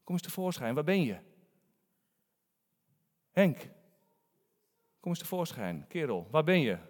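A man's voice: a little high, big pitch swings, unhurried. A preacher voicing God as a male deity calling out with longing, heard with a long hall reverb. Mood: coaxing. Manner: loud, yearning calls.

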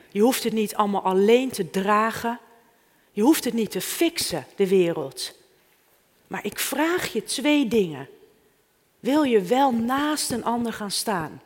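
A middle-aged preacher giving a sermon to a congregation, with an earnest tone and gently repeated phrases, reading scripture and leading a prayer. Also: mid-range voice. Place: church service before a congregation. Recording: reverberant church hall, faint music.

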